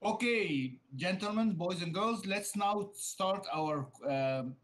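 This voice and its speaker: A man's voice: sits high, animated, slow, fairly bright tone. A man with an Egyptian Arabic accent, a native Arabic speaker, giving an online English lecture over a video call, explaining each point and repeating it in Arabic. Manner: explains, then repeats in Arabic, many fillers. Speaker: English teacher.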